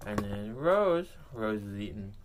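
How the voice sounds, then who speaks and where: Groggy after having his wisdom teeth removed, a card-collecting video host chats casually with his vlog audience, his words muffled by a numb, packed mouth. He speaks expressively at a measured pace in a fairly low voice, with background noise behind him.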